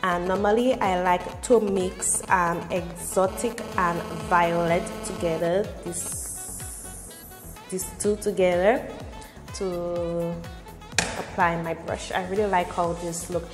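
A woman with a slightly low voice talks casually, like a beauty vlogger telling her story. She is in a reverberant room, picked up from a camera a little way off, with light music behind her. Her delivery is conversational, with phrases repeated for emphasis. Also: steady tone, takes it slowly. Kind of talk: casual makeup tutorial with personal storytelling. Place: small bare-walled room indoors.

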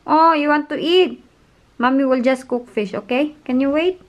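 A woman's voice: high-pitched, unhurried. A woman, originally from the Philippines, chatting exasperated in a casual cooking vlog from her home kitchen. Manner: chatty, code-switching, exasperated. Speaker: mother and family vlogger. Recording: echoey kitchen.

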